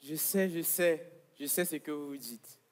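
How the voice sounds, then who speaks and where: Man from congo doing stand-up on stage, highish voice, cocky and playful. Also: unhurried. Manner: playful, boastful delivery. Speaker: stand-up comedian. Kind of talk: stand-up comedy. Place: comedy stage with live audience.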